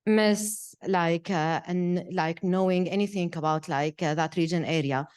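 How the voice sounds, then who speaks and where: A woman from Syria, speaking at a panel talk, halting with many fillers. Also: lowish voice, darkish tone, clean tone. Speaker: project participant. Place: gallery event room.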